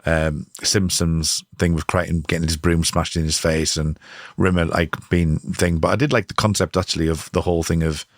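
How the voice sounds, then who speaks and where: Deep-voiced podcast host man. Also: fairly even intonation, moderate pace, dry recording, studio quality. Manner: chatty, loose, self-correcting. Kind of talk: casual podcast interview.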